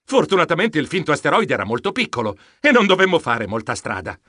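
A man narrating a children's adventure audiobook in the first person, with theatrical, expressive delivery. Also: a little high, fast talker, no echo, studio quality.

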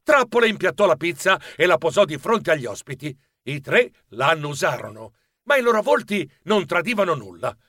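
A man narrating a children's audiobook in an animated storytelling manner. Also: fairly high pitch, brisk, no echo, studio quality.

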